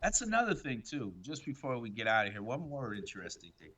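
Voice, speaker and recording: Laid-back slangy man, bright and distant. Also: mid-range voice, very animated, quick pace. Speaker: podcast co-host. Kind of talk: casual chat.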